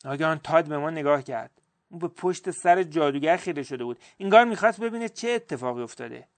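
A man narrating a first-person story in a measured, expressive storytelling manner. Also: on the high side, no echo.

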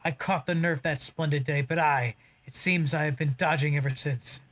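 An actor playing a cocky, roguish young smuggler captain, delivering boastful Shakespearean verse. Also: male voice, on the high side, fairly even intonation, normal speed, a bit bright. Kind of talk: audio drama acting in verse.

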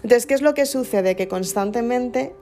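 A woman's voice: on the high side, moderate pace, warm tone. Earnest Spanish woman musing aloud. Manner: earnest, questioning, restarts words. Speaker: speaker giving personal reflections. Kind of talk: reflective casual monologue.

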